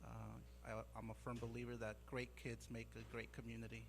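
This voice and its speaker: New mayor, male, even monotone delivery with some fillers, faint hum. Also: medium pitch, brisk, vocal fry. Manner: steady, with frequent fillers. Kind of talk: acceptance speech at a council meeting.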